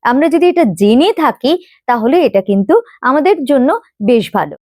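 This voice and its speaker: High, lively woman teaching. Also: dry recording, clean studio sound. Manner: explains slowly, spells out letters and repeats words. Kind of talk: Bengali pronunciation lesson.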